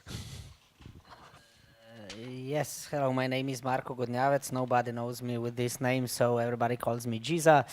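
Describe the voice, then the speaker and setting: A man with a Slovenian accent, answering on a conference panel and pausing often with ums. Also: mid-range voice, level tone, a little hiss or hum. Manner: halting, with many ums. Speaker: panelist, label owner.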